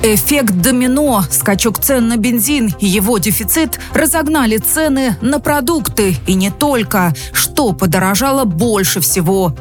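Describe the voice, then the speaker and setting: A woman reading scripted news as a radio anchor in a clear, measured way. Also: on the high side, expressive, faint music behind.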